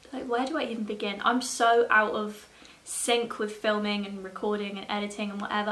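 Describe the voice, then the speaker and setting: A woman's voice: a little high, fairly bright tone. Chatty, swearing woman in a roomy echo. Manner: chatty and profane, laughs often. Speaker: YouTuber. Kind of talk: casual vlog chat.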